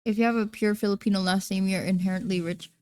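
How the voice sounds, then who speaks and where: A woman's voice: medium pitch, steady tone, quick pace, darkish tone, smooth. A woman in her twenties giving blunt, casual reaction commentary as a streamer, laughing often and playfully mimicking how names are pronounced. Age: 20s.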